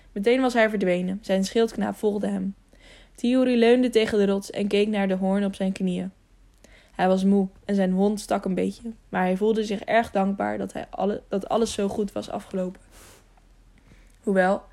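Audiobook narrator, woman, gravelly mid-pitched voice, steady storytelling read. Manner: steady reading with occasional self-corrections. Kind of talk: scripted narration of a children's adventure novel.

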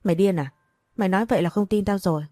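A woman voicing a blunt, loyal young female best friend who answers with quick retorts. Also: medium pitch, dark tone, no echo, studio quality, lightly acted. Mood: indignant, concerned.

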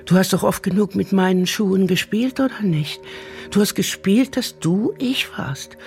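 A woman's voice: medium pitch, moderate pace, darkish tone, soft background music, natural voice. A woman playing a lonely, half-paralyzed aging mother in a radio drama, pleading with her returned son. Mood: bitter pleading. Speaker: mother figure in a radio play.

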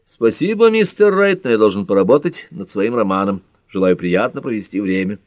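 Man doing ironic male detective, dry wit, lowish voice, muffled lo-fi. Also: expressive, fairly quick, a little mellow, no echo, natural voice. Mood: wry. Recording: dull dry lo-fi audiobook.

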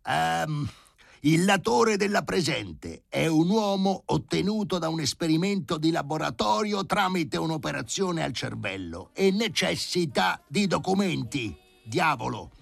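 A man's voice: fairly high pitch, very animated, unhurried, gravelly, no room sound, faint music behind, voice pushed up, exaggerated voice. A man voicing an irritable, exasperated older male professor in an audiobook reading. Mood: grumbling. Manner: exasperated, growling and shouting.

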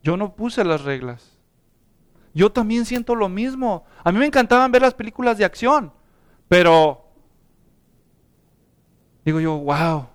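Middle-aged male pastor, lively sermon full of rhetorical questions, clear resonant tone. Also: sits high, a little slow, pauses often. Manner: preaching with rhetorical questions to the congregation.

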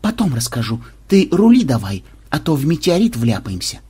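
A man voicing a sly, gloating male ship officer who talks dry and low-key. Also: sing-song, normal speed, dark tone, husky, heavily acted. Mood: wry.

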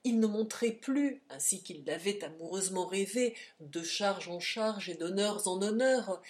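Audiobook narrator, woman, expressive literary reading, mid-range voice. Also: mid-range voice, a little slow. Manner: expressive, varied delivery. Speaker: audiobook reader.

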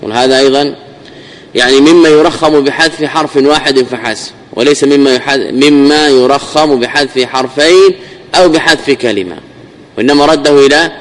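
A sheikh giving a classical Arabic grammar lesson, repeating phrases and examples, asking and answering his own questions, his voice dropping low at the ends of phrases. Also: normal speed, slight background noise, rough recording.

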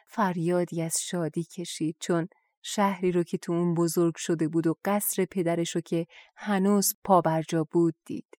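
Gentle low-voiced woman reading a folk tale. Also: no room sound, clean studio sound. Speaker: audiobook reader. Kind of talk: scripted storybook narration.

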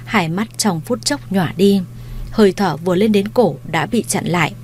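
A woman narrating a first-person dramatic story in a steady storytelling manner. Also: mid-range voice, moderate pace, slight background noise.

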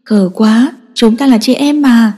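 A woman voicing a scheming older sister who talks in a falsely sweet, soft way. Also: a little high, unhurried, slightly rough. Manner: sweet, honeyed. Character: sly older sister, sweet-talking but cold. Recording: long echoing reverb.

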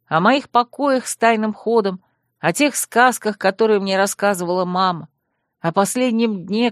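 A woman reading a first-person fantasy audiobook in an even, wistful storytelling manner. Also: medium pitch, no echo, clean studio sound. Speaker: audiobook narrator.

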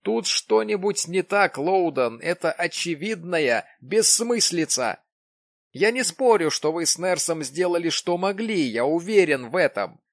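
A man voicing an excitable, insistent businessman in an audiobook, talking emphatically with raised pitch. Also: a little slow, no echo, clean studio sound. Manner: emphatic, exclaiming. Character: excitable middle-aged businessman, pushy and insistent.

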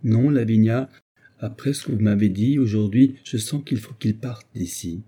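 A man's voice: fairly low pitch, moderate pace, warm tone, slightly rough. A man voicing a cold, selfish, scheming middle-aged man in an audiobook, speaking with firm disdain. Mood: contemptuous.

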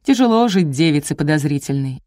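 A woman's voice: low-pitched, lively intonation, a little fast, darkish tone, dry recording, clean studio sound, voice pushed down. A woman voicing a sly old male village sorcerer who swindles people, with a sing-song, falsely sweet folksy patter. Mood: wheedling.

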